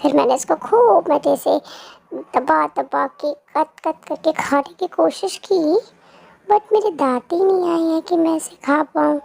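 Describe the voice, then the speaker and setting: Brief: cheerful baby girl narrating her day, very high pitched with a touch of fry. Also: a little slow, darkish tone, heavily acted. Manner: chirpy, playful, talks straight to viewers. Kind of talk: cutesy vlog narration.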